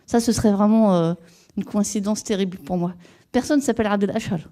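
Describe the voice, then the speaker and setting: A woman's voice: medium pitch, a little fast, dark tone. A woman giving an academic lecture to an audience, explaining her research step by step, with hesitant restarts and questions put to the listeners. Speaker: lecturer in epigraphy.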